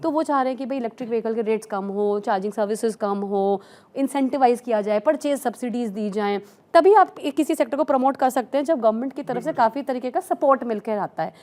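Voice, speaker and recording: A woman speaking as a tax expert on a news panel, explaining in a steady, explanatory way and mixing English terms into her talk. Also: on the high side, quick pace.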